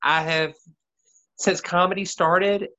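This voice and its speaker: A woman's voice: fairly low pitch, steady tone, slow, pushed and bright, muffled recording. A woman with a Southern US accent, a comedian, chatting casually. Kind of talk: casual chat.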